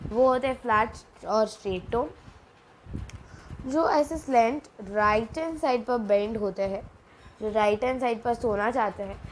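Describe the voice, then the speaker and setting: Over a rough recording with faint background noise, a woman whose voice is a little high gives a casual spoken Chinese lesson. She explains patiently, slips in English, and repeats syllables to show how they sound.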